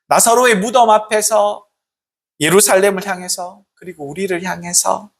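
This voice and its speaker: Earnest preacher with a husky, lively voice. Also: medium pitch. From South Korea. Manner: earnest, pleading, many rhetorical questions. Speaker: Salvation Army officer, pastor. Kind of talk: sermon.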